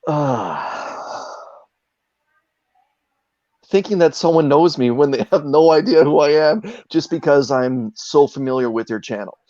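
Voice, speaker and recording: A man's voice: fairly high pitch, unhurried, long pauses, darkish tone, dry recording. A man as an interview guest, telling anecdotes in a casual, earnest way and often searching for his words. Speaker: interview guest, video creator. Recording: dull, dry lo-fi sound.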